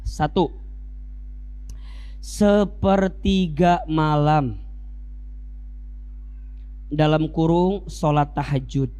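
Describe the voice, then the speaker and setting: Male preacher, animated sermon, rhetorical questions, mellow voice. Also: on the high side, very slow, long pauses. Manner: lively, rhetorical questions to the audience, joking asides. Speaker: Islamic preacher.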